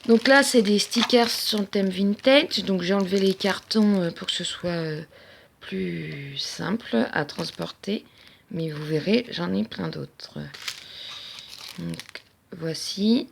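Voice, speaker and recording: Chatty woman with a gravelly voice. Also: mid-range voice, slow, slight background noise. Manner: chatty, hesitant with many fillers. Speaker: crafting vlogger. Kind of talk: casual haul show-and-tell. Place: at home.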